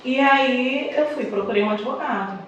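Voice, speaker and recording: A high-pitched, middle-aged Brazilian woman who works as a schoolteacher talks at a normal speed as an interview guest, recounting personal stories conversationally. The recording is muffled and noisy, made in an echoey indoor room far from the microphone.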